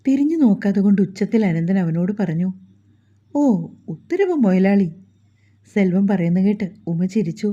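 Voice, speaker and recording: A woman narrating a story in a steady, measured way, on a dull lo-fi recording. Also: mid-range voice.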